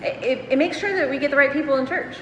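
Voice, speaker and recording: A woman's voice: sits high, fast talker, dull audio, noisy background. A woman co-hosting a satirical comedy chat, talking in a sarcastic, mock-sincere way. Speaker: podcast co-host. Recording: roomy reverb with loud music behind.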